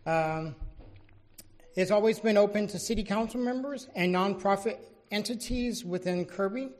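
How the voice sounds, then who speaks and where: An official speaks at a public meeting in an ordinary, mid-pitched voice that's a little mellow. His delivery is casual and matter-of-fact at a moderate pace, much like a fire chief briefing a council.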